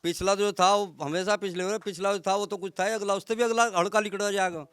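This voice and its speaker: Muttering high-voiced villager, man. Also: fairly even intonation, brisk, a bit bright, clean tone. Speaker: villager interviewed.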